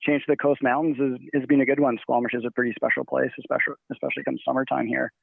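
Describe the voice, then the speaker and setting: A man's voice: mid-range voice, little pitch movement, racing, vocal fry, no echo. A man who grew up in Nigeria, answering interview questions casually with many fillers and restarts. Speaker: guest. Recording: tinny phone-like line.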